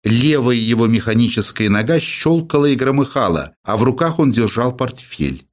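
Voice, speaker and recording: A man's voice: medium pitch, lively intonation, moderate pace. A man narrating an audiobook expressively. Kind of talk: literary narration.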